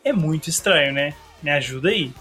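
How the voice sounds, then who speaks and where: A man from Brazil, a bit hoarse, hosting a casual solo podcast and rambling along in a slangy, chatty way. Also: on the high side, animated, a little fast, bright, forceful tone, faint music behind. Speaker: podcast host. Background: faint song playing.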